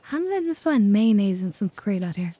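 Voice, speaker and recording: A woman's voice: medium pitch, sing-song, brisk, mellow, dry recording. A woman game streamer chatting casually while she plays.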